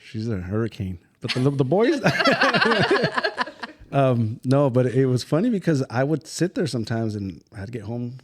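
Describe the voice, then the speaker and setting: A man's voice: medium pitch, wildly swooping pitch, a little slow, a bit bright. A man talking as a guest on a podcast who tells stories and acts out what others said, laughing often, then explains ideas step by step repeated "right?". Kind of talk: casual podcast conversation.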